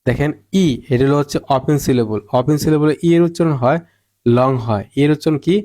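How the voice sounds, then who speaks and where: A man with a Bengali accent teaching English pronunciation, drawing out and repeating each word slowly. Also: a little high, mellow. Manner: slow, drawn-out repetition of words to model pronunciation. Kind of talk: spoken pronunciation lesson.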